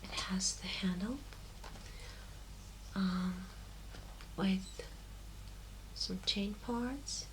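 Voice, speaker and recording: Woman, soft breathy voice, whispered role-play, gentle shop assistant, slow delivery, clear background noise. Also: medium pitch, rough recording.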